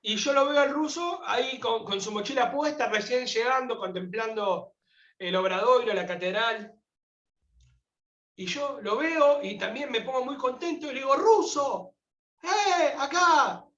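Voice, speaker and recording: A man's voice: very high voice, normal speed, roomy sound, lo-fi sound. A man from Argentina with an Argentine accent, a guest telling a heartfelt story in an interview and acting out the voices in it. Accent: Argentine Spanish. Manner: animated, acts out quoted voices. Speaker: guest pilgrim.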